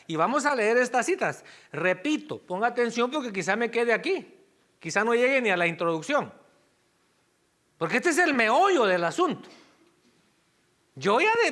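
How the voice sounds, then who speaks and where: A man's voice: high voice, pushed and bright. A male pastor preaching a Sunday sermon in a conversational way, with asides and self-corrections.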